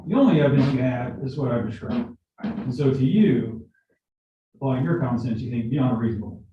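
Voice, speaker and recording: This is jury selection questioning on a video call: a man talks with potential jurors in a conversational, explaining style, frequently repeating himself. He has a mid-range, warm voice and a brisk pace, but the recording is muffled, very echoey, distant, and carries a little hiss or hum.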